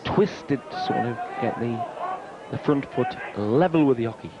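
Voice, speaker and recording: A man's voice: mid-range voice, lively intonation, normal speed, a crowd in the background. Male darts commentator on dull archive TV. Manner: colourful, wry turns of phrase. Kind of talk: live sports commentary. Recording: dull, noisy archive TV broadcast.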